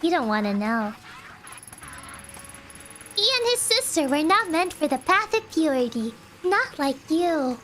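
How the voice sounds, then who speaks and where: A woman voicing a creepy calm, unsettlingly serene cultist mother, reading game dialogue aloud with slow menace. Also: high voice, soft background music, exaggerated voice.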